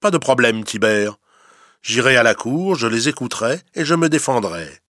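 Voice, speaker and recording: A man's voice: expressive, moderate pace, fairly bright tone, no room sound, clean studio sound, close to an everyday voice. A man voicing a sly, scheming male fox in a storybook reading, with a honeyed, mocking manner. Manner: honeyed, mocking, sometimes hissing low.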